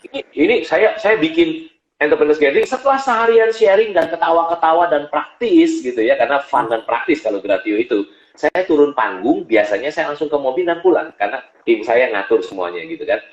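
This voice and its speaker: A man, a business coach, telling stories lively in an interview and acting out the voices of the people he quotes. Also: on the high side, a little fast. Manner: animated storyteller, acts out quoted voices. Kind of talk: storytelling interview talk. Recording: echoey, dull-sounding room.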